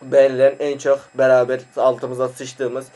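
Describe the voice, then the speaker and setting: A man's voice: medium pitch, monotone, dark tone. A young man talking and improvising a crude, playful song. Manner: slow, crude, playful singing. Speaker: gaming video host. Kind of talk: joking talk and improvised song over guitar.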